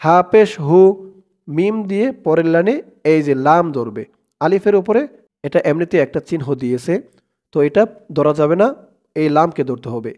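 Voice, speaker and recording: A man teaching Quran recitation, spelling out each word and chanting the verses in long drawn-out tones. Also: fairly high pitch, lively intonation, darkish tone. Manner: slow drawn-out chanting of verses between plain explanations.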